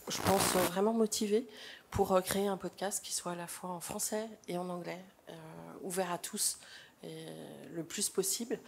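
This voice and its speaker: A woman hosting a panel talk in a chatty way and putting questions to the guests. Her voice sits a little low, with faint room noise behind her. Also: a little mellow. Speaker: moderator, podcast host. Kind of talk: moderating a panel.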